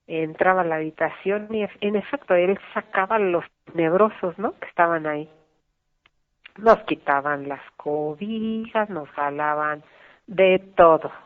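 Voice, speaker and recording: Older woman telling stories over a phone line. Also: lowish voice. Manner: animated, quotes voices, filler "¿no?". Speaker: interviewee recounting family memories. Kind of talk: casual storytelling. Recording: phone-like narrow band.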